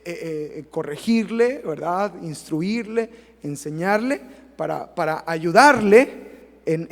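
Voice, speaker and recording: A pastor delivers an emphatic sermon in a high-pitched male voice. He keeps punctuating his points with "amen" and "right?". The sound rings with the long reverb of a church hall. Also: darkish tone. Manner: emphatic preaching, repeating "amén" and "¿verdad?".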